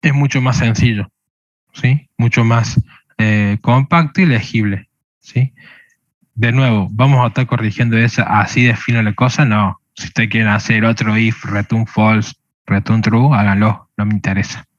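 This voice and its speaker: A man's voice: on the low side, steady tone, moderate pace, dry recording, lo-fi sound. A man teaching a programming lesson, explaining step by step and checking with a questioning "¿sí?" again and again. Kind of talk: screen-recorded coding lesson.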